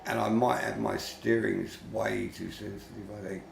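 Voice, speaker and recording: A man's voice: on the low side, flat delivery, moderate pace, gravelly, reverberant, noisy background. A man giving casual running commentary while gaming, chatty and grumbling, with mild swearing. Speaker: vlogger.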